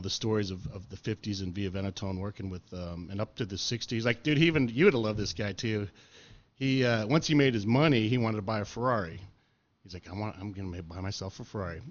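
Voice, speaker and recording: A middle-aged man spinning stories on a podcast, easygoing and full of swearing and "you know"s. His voice sits fairly low. The audio is a bit dull and lo-fi. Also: fast talker. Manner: laid-back, profane, filler-heavy. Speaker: podcast interviewee. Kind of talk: casual storytelling chat.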